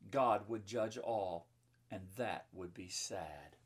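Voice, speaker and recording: A man in his fifties, a pastor who writes children's books, reads a story and explains it simply for young listeners in chatty asides. His voice is on the low side and slow-paced. There is a little hiss or hum in the recording, made indoors in a book-lined room at home or an office.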